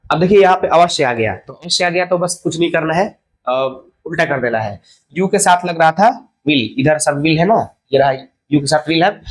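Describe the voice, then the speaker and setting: A fairly high-voiced man gives a grammar lesson for beginners. He works through each example one step at a time, patient and explanatory. He keeps checking in with the listener as he goes. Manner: patient, checks in with "okay?" often. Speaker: English teacher.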